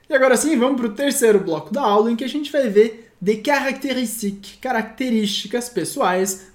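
A woman teaching a language lesson, explaining patiently and slowing down to read each example sentence. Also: a little high, darkish tone. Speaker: French teacher. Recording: echoey room.

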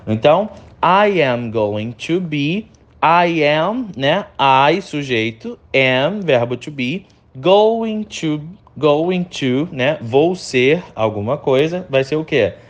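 A man's voice: fairly high pitch, expressive, lo-fi sound. Chatty male English teacher. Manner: slow, drawn-out repetition of example sentences; chatty, checks in often with short tags. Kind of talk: explaining English grammar to students.

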